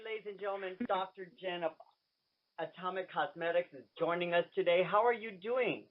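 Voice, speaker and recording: A man's voice: high voice, a little fast, slight background noise. A man hosting a radio interview over the phone, gushing, flamboyant and enthusiastic. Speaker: radio host and drag queen. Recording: tinny phone line.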